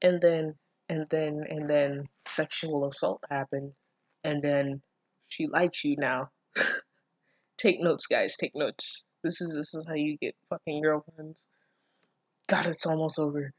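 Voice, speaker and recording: A woman reads fan fiction aloud and riffs on it comedically, sweary, sardonic and exasperated. She stumbles over words, stammers and bursts into laughter. Her low voice stays steady and unhurried, with no room sound.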